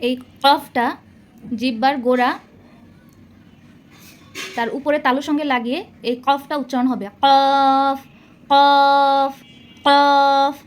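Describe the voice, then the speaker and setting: A woman teaching Arabic letter pronunciation as a patient Quran reading teacher, sounding out each letter slowly and repeating it with care. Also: high voice, fairly even intonation, highs cut off, slight background noise. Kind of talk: slow recitation lesson.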